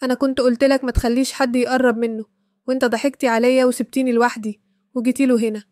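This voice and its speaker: A woman reading the lines of a jealous, furious young male lover in Egyptian Arabic, quickly and evenly in her own voice. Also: fairly high pitch, level tone, darkish tone, dry recording, clean studio sound, lightly acted. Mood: angry.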